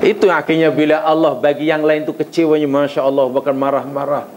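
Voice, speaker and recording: A middle-aged man with a Malaysian Malay accent gives a religious lecture in a fairly high voice. He preaches with energy and keeps asking his listeners questions. A faint hiss sits under the recording. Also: brisk. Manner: lively preaching with rhetorical questions and acted prayers.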